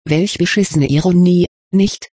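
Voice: medium pitch, a little slow, mellow, breathy edge, dry recording, clean studio sound. A reader voicing a troubled, self-doubting teenage schoolboy, in a storybook reading. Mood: brooding. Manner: subdued, musing.

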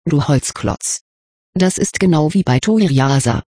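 A croaky, worn-out teenage witch girl voiced by an audiobook reader grumbles in a husky, breathy tone. The recording is dry and close, with no room sound. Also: mid-range voice, animated, slow pace, darkish tone, no echo. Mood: grumbling. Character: weary teenage witch girl, sharp-tongued. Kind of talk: audiobook reading.

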